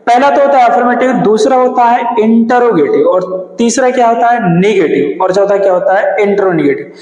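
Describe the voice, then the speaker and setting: Male English tutor, very high voice, quizzing style, recorded in an echoey room. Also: darkish tone. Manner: asks questions and answers them himself. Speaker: English teacher. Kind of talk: classroom grammar lesson. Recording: roomy echo with long reverb.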